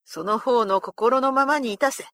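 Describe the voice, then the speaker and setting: Brief: commanding older feudal lord played by a woman, gruff and proud, storybook reading. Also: a little high, normal speed, a bit bright, dry recording, studio quality, close to an everyday voice.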